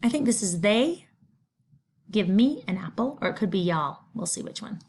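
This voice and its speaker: A woman's voice: medium pitch, lively intonation, moderate pace, darkish tone, a little hiss or hum. Patient woman teaching a Spanish lesson. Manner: patient, explaining step by step. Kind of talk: recorded remote class lesson.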